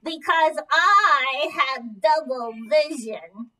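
A woman voicing a cheeky, slow-witted boy dummy in a ventriloquist comedy act, with a squeaky, exclamatory voice. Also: expressive, pushed and bright, heavily acted. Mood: matter-of-fact. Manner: exclamatory, hesitant when stumped, cheeky. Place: indoor painted playroom, far camera. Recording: distant microphone in a room.

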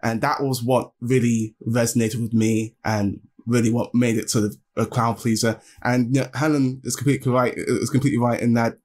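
A man's voice: mid-range voice, level tone, a little mellow. Enthusiastic man reviewing a film. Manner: enthusiastic, halting with restarts. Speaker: film critic on podcast. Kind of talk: casual film review chat.

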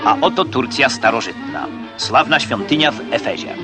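A man narrating an old 1960s newsreel in a crisp, declamatory way, occasionally wry. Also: mid-range voice, very animated, normal speed. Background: music.

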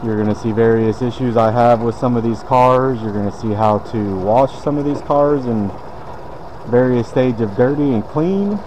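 A man's voice: medium pitch, normal speed, noisy background. A man, casually explaining a car detailing task as he works. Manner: laid-back, talks while working. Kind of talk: casual how-to demonstration. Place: detailing shop.

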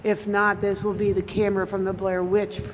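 A woman's voice: mid-range voice, level tone, normal speed. A woman vlogger narrating casually while exploring an abandoned tunnel, talking straight to viewers. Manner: chatty, addresses viewers directly. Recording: echoey tunnel, noisy camera audio.

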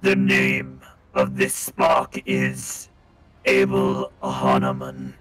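A man voicing a tortured, delirious male tech-priest through a robot voice changer, intoning slowly and cryptically. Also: rumbling low, huge pitch swings, gravelly, noisy background, voice pushed down, exaggerated voice. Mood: cryptic. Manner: slow, solemn, cryptic intoning.

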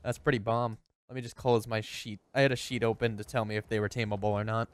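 A man casually commenting on his own gameplay, chatty and excitable, talking to his viewers and to the animals in the game. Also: on the low side, quick pace, clear, resonant tone. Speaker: gameplay streamer.

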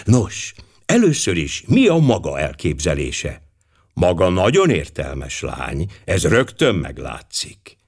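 A man voicing a fastidious, courteous male detective in an audiobook, formal and measured. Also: low-pitched, huge pitch swings, vocal fry, pitched below the performer's own voice, full character voice. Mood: courteous questioning.

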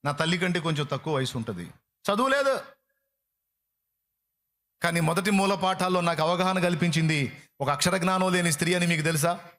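A man preaching a sermon, impassioned, swinging from loud appeals to hushed pleading. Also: a little high, lively intonation, a little fast, long pauses.

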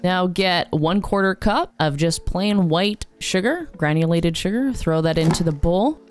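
A woman's voice: fairly low pitch, unhurried, faint music behind. A young adult woman giving step-by-step instructions as an informal, playful voice-over. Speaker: vlogger giving a recipe.

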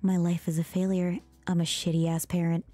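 A woman streamer giving a soft ASMR-style storybook reading, speaking gently, dipping into whispers and making mock-exasperated asides. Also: lowish voice, level tone, normal speed.

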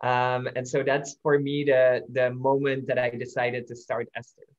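Flat-voiced Belgian man, dull call audio. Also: mid-range voice, normal speed. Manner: friendly, filler-heavy self-introduction. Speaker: startup founder, co-presenter. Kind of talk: online conference presentation. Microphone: video call.

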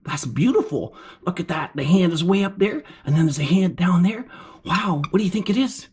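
Woman as an excitable puppet kids show host, swooping pitch. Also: moderate pace. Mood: excited, encouraging. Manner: exclamatory, gasping, encouraging kids show host. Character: excitable, encouraging furry yellow puppet teaching children. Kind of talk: children's lesson, sing-out praise and questions. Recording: clear background noise.

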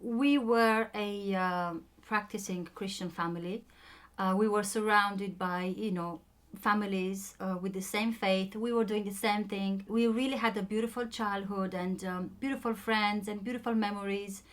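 A woman's voice: medium pitch, fairly even intonation, normal speed. Hesitant young Romanian woman vlogger. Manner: hesitant, full of ums and restarts. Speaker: vlogger telling her own story. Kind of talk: casual chat.

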